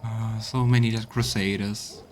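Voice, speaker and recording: A let's play streamer gives casual game commentary into a close mic, mixing it with reading dialogue aloud while game music plays. His voice is fairly low with little pitch movement, his pace measured, and there's slight background noise.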